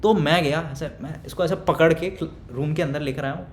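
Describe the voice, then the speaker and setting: A young man casually telling a storytime, animated and acting out his friends' lines, then dropping to low mutters. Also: brisk. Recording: echoey room with faint rumble.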